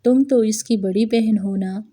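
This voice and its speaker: A woman's voice: on the high side, warm tone, lightly acted. A woman narrator voicing a scheming middle-aged mother-in-law in a storybook tale, speaking harshly. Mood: worried. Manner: scolding, harsh.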